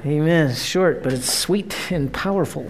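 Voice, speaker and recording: A preacher giving a sermon at an ordinary, middling pitch. The delivery is conversational and keeps checking in with the congregation. Emphatic, lifted bursts give way to quiet, drawn-out phrases. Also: expressive. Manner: conversational preaching, frequent "right?" check-ins; swings between emphatic bursts and hushed, slowed phrases.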